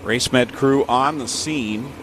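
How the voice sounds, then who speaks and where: Calling a motor race play by play, this announcer projects his mid-range, fairly bright voice and takes it slowly. Race cars roar and outdoor ambience fills the noisy trackside recording.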